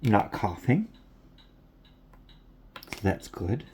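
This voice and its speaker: At night, in a home room lit by a lamp, a congested craft vlogger talks casually to camera, drifting and repeating himself. He speaks extremely slowly in a lowish, dark, sing-song voice, over a faint hiss or hum.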